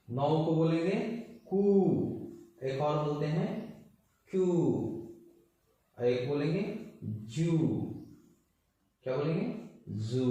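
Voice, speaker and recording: A man teaching a class as a language teacher. He asks questions and answers them himself, and he repeats each word slowly. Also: medium pitch, a little mellow. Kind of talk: classroom lesson. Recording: echoey, mic far off.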